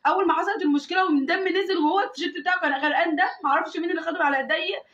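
Young egyptian woman crying thru her story, super high voice, rushing the words, pleading and swearing oaths. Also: a bit bright. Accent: Egyptian Arabic. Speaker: woman recounting an assault. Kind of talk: tearful testimony. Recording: echoey, muffled sound.

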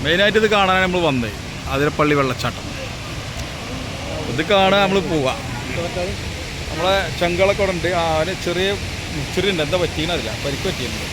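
A man, dropping English words into his speech. It is recorded on a walk outdoors, with clear noise behind him. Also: on the high side, animated, brisk, long pauses. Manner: mixes English words into Malayalam. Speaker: vlogger. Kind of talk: casual travel vlog narration. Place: outdoors on a forest walking trail. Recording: noisy outdoor walking recording.

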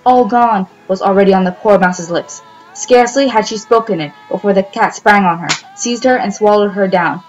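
A woman's voice: medium pitch, normal speed, dull audio, a little hiss or hum. Woman reading a fairy tale aloud. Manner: steady reading with small slips and restarts. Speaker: narrator.

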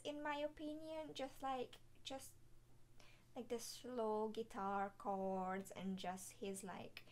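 A young woman giving a soft, emotional reaction commentary over a song, trailing off with many fillers. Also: medium pitch. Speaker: reaction video host. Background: song playing faintly.

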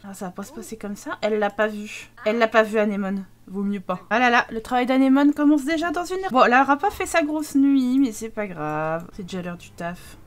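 High-voiced chatty French woman gamer. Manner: chatty, expressive, quick exclamations. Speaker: gaming channel host. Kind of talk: let's play commentary.

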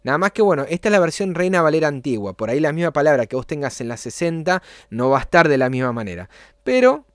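Man explaining software step by step. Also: fairly high pitch, sing-song, dry recording, clean studio sound. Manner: explanatory, often checks in with a quick "¿sí?". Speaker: channel host giving a software tutorial. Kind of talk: casual screen-recorded tutorial.

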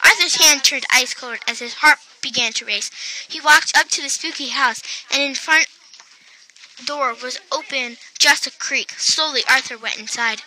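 Bright, high-voiced woman reading a storybook. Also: moderate pace, slight background noise, low-quality recording. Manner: lively, lifts her voice for quoted characters and drops it for tags. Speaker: storybook reader. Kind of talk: reading a children's picture book aloud.

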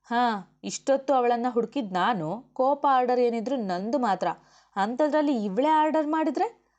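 A woman reading the part of a stern, quick-tempered male officer and husband in a commanding, scolding manner. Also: fairly high pitch, a little mellow, voice pushed up, close to an everyday voice. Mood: angry. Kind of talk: audiobook character voice.

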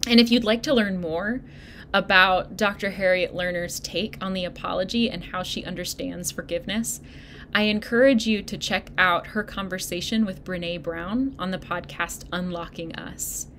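A woman pastor giving a sermon, speaking in a gentle, encouraging way straight to her listeners. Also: on the low side, steady tone, moderate pace, a little hiss or hum. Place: church video recording.

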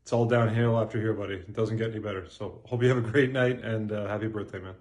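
A man's voice: lowish voice, steady tone, quick pace, darkish tone. A man giving a teasing birthday greeting, joking about getting older. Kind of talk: casual recorded birthday greeting.

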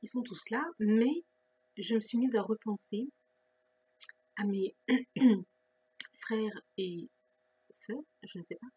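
A woman vlogger telling a personal story in a chatty, self-mocking way, laughing often and dropping into soft whispered asides. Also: mid-range voice, slow pace, pauses often, slightly rough. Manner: restless, repeating questions and restarting phrases. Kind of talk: casual personal storytelling to camera.

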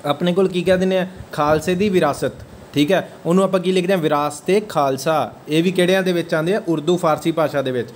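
A man teaching an exam-prep grammar lecture, asking his students again and again whether the point is clear. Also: fairly high pitch, fast, slight background noise. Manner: checks understanding with repeated questions.

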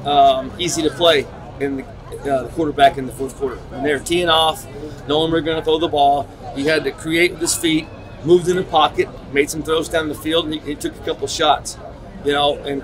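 A middle-aged man, a head football coach at a postgame press conference, talking in halting, restarting sentences with many repeats. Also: on the high side, poor audio. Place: concrete-walled stadium corridor. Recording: crowd chatter behind. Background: crowd noise.

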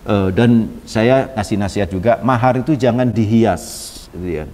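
A man's voice: fairly low pitch, moderate pace, warm tone. A man giving a sermon, telling a story animatedly and acting out its dialogue with chatty asides. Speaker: religious teacher. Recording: reverberant hall sound.

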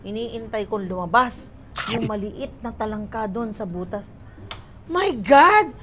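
Animated woman guest telling stories. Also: a little high, a little slow, very noisy. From Philippines. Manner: animated, acts out quoted lines, mixes Tagalog and English. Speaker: guest actress. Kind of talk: casual storytelling chat.

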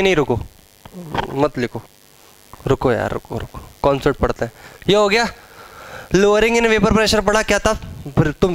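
A young man teaching chemistry in a live classroom lecture, speaking in a casual, teasing way and drawing out key terms. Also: a little high. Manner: casual, teasing students, drawn-out stressed terms. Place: classroom with students.

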